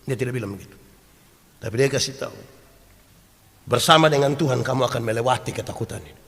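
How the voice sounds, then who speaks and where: A man preaching a sermon, animated and storytelling, swinging from loud acted quotes to hushed asides and asking the congregation questions. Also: mid-range voice, quick pace, gravelly. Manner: homely storytelling with humor and rhetorical questions. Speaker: pastor. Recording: long hall reverb.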